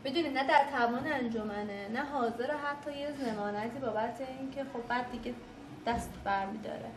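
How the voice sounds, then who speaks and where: High-voiced woman pushing with questions, room echo and noise behind, kinda insistent. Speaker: documentary filmmaker. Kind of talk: tense negotiation in casual talk. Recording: echoey room with background noise.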